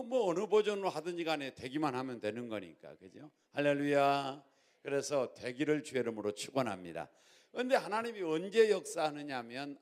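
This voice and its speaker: A middle-aged male pastor from Jeolla preaching a sermon, stressing key phrases by repeating them and having the congregation say them back. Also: medium pitch. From Jeolla, Korea. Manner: emphatic, repeats key phrases, leads congregation in call-and-response.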